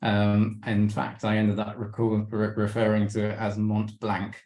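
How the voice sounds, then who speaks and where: A man presents a slideshow travel talk on a video call, hesitant with lots of ums and restarts. He is losing his voice and clears his throat. His lowish, slightly mellow voice is completely flat and unhurried, with a reverberant sound.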